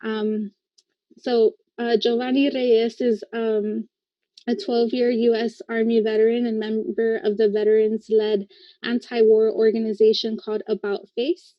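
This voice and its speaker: Woman host on a video call, level and even, fairly high voice, dry and muffled call audio. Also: no echo. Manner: measured, mixes in Spanish words. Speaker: event host. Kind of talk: reading an introduction on a video call.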